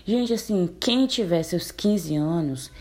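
A woman in her twenties recounts a story in a relaxed, chatty way. Her voice sits a bit low, and she laughs a lot as she plays both herself and the other person. The talk is loose and lively. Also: takes it slowly. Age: 20s. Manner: animated, laughing, quotes herself and her date. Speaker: storyteller recounting a bad date. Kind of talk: casual storytelling.

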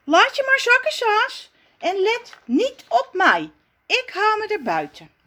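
A woman's voice: extremely high pitch, wildly swooping pitch, slow, pitched above the performer's own voice, heavily acted. A woman doing a clumsy, eager male ape. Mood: anxious. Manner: bright and earnest, gentle toward his friend.

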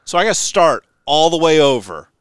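A man co-hosting a podcast, telling a story in casual chat, animated and exasperated, laughing often. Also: a little high, brisk, clean tone, dry recording. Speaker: podcast co-host. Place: home.

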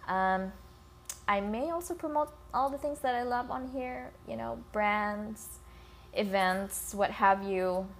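A woman's voice: medium pitch, slow, a little hiss or hum. A woman from the Philippines hosting a casual, informal solo podcast, recorded on a phone with scratching in the background. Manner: informal, swearing, addresses listeners as guys. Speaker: podcast host. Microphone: iPhone.

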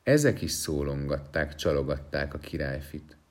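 A man reading a fairy tale aloud with expressive, dramatic storytelling. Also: extremely low pitch.

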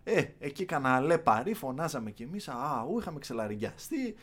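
A man speaks in relaxed conversation at a middle pitch. He tells his story with eager energy and breaks into acted-out chants and shouts. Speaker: podcast guest recounting a match trip. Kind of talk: casual chat.

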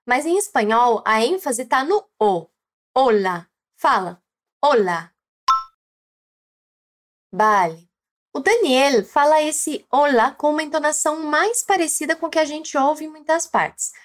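A Brazilian woman hosts a Spanish lesson podcast, coaxing the listener to repeat phrases after her. Her voice is high and bounces through a wide range. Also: lively intonation, moderate pace. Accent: Brazilian Portuguese. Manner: encouraging, prompts listener to repeat. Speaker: Spanish teacher and podcast host.

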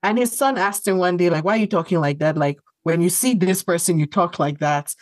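This podcast co-host speaks English as a second language, and her casual, thoughtful chat is peppered with fillers and false starts. Her voice is fairly low and brisk, captured in a dry recording.

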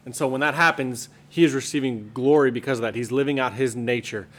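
Male co-host, medium pitch, casual explanatory podcast chat. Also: fairly even intonation, quick pace, fairly bright tone.

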